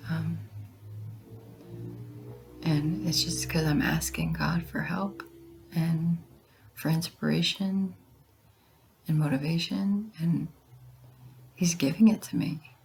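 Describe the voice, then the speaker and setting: A woman chatting casually to viewers in a halting way, her hoarse voice giving out and breaking into whispers. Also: sits low, steady tone, a little mellow, a little hiss or hum. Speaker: vlogger.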